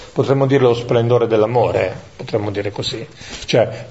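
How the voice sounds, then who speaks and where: A man leading a Bible study, teaching in a reflective way that thinks aloud, with pauses and tag questions. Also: medium pitch, darkish tone, highs cut off. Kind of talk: lectio divina teaching.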